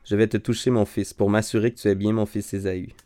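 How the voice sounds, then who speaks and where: A man reading the part of an old blind father, speaking in slow, grave pronouncements. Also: fairly low pitch, little pitch movement, warm tone, lightly acted. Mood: solemn. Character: old blind father Isaac, frail and solemn.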